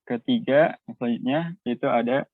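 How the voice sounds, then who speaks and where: A man's voice: mid-range voice, normal speed, dry recording. A young man with an Indonesian accent giving a class presentation, hesitant with many fillers and switching between two languages. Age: young adult. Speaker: student presenter. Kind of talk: class presentation, reading notes and explaining. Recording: tinny dry phone-like call audio.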